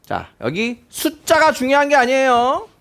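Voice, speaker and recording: A man's voice: extremely high pitch, huge pitch swings, normal speed, creaky, fairly bright tone. A male math teacher explaining a lesson, asking questions and repeating key points to check that students follow. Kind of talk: classroom math lecture.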